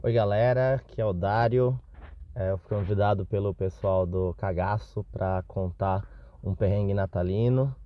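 A man's voice: lowish voice, moderate pace, highs cut off, a little hiss or hum. A man telling a self-deprecating Christmas anecdote as a listener in a recorded message. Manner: self-deprecating, animated retelling. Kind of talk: recorded anecdote, casual storytelling.

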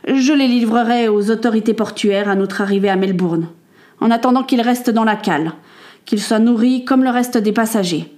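A woman's voice: on the high side, normal speed, a little mellow, lightly acted. A woman playing a stern ship captain. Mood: weary. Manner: commanding, curt.

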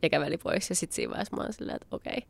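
A woman's voice: on the low side, creaky, husky. A young adult woman telling a personal anecdote in a chatty way, acting out what she said at the time. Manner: chatty, acts out her own past lines with quoted asides. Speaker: storyteller. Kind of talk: casual spoken anecdote.

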